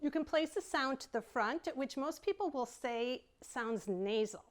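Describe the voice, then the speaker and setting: A woman's voice: high-pitched, expressive, measured pace, dry recording. A woman choir director giving a friendly, enthusiastic video lesson on vocal technique.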